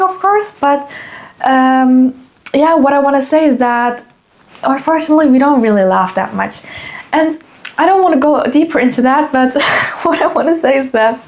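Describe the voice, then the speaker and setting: A woman's voice: high-pitched, moderate pace, darkish tone. Young woman rambling in a solo podcast. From Germany. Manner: rambling, many fillers and restarts. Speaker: podcast host. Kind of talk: casual solo podcast monologue.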